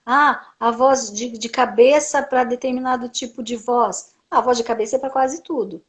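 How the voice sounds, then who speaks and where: A woman speech therapist explains her subject step by step in a slightly high voice. She teaches by asking rhetorical questions, then answering them herself, with a steady tag question after her points. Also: moderate pace. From Brazil. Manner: frequent tag "né". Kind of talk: live-stream conversation, explaining.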